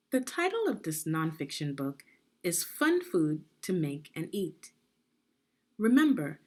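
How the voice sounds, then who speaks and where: Her voice sits in the mid-range as she reads aloud in the role of a teacher for young children. She explains things deliberately and checks in with questions along the way.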